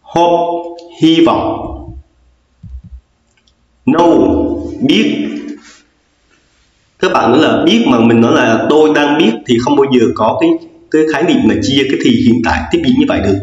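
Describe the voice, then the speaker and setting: A man's voice: medium pitch, expressive, a little slow, pauses often, darkish tone. A man teaching an English grammar lesson, explaining patiently and repeating each rule with frequent fillers. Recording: echoey lo-fi room recording.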